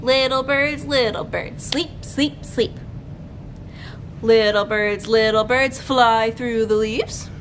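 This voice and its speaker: A young woman with a fairly high, steady voice reads a picture book aloud to young children as a storytime librarian. She speaks very slowly, phrasing deliberately and articulating every word, with a light low rumble in the indoor library room full of bookshelves.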